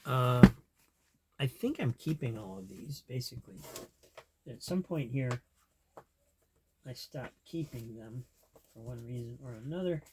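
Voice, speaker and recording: A man's voice: mid-range voice, animated, a little slow, long pauses, slight background noise. A man in casual chat as a comic collector vlogger, rambling, trailing off and chuckling to himself as he goes.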